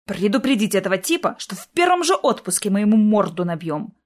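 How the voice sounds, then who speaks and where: A woman's voice: medium pitch, very animated, fairly quick, close to an everyday voice. Woman doing a sarcastic red-haired spirit man. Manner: mocking, sarcastic. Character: sarcastic red-haired male otherworldly being.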